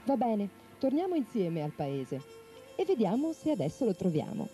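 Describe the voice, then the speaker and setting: A woman voicing a calm, wise grown male teacher from a folk tale, who gives gentle but firm instructions. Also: mid-range voice, normal speed, soft background music, close to an everyday voice.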